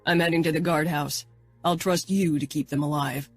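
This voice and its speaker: A woman voicing a gruff, impatient male bodyguard who speaks in curt growls. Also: low voice, steady tone, moderate pace, soft background music. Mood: irritated.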